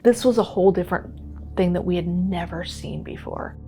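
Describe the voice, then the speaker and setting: A middle-aged woman speaks in a documentary testimonial, her voice sitting a little low as she recounts things earnestly and reflectively, now and then halting with emotion. Soft music plays faintly beneath her. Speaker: parent giving a testimonial.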